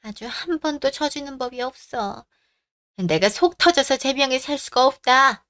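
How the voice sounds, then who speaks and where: A woman playing a stubborn, scolding older mother-in-law in a radio drama, sharp-tongued and nagging. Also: high-pitched, moderate pace. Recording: dry close studio sound.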